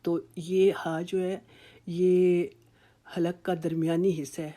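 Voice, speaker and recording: A woman with a lowish, mellow voice gives a calm recitation lesson. She draws out each example word slowly before explaining it. Her tone stays patient and reassuring throughout. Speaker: Quran recitation teacher. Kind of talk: slow instructional tajweed lesson.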